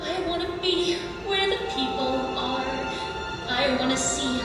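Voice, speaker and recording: Very high-voiced teenage mermaid princess. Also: female voice, measured pace, far from the mic. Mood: wistful. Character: spirited, dreamy sixteen-year-old mermaid princess. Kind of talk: musical stage show acting and singing. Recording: echoey theater from afar, loud music.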